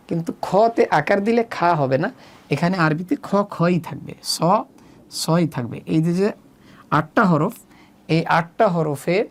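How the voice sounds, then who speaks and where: A woman teaching children an Arabic reading lesson, explaining and then spelling out letters one by one in a methodical drill. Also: darkish tone. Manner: methodical letter-by-letter drilling, pitch jumping between items.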